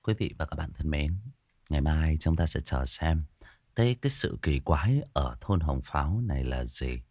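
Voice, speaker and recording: A man narrating a ghost story with dramatic, animated delivery, rising and falling to build suspense. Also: very deep voice, moderate pace, no echo.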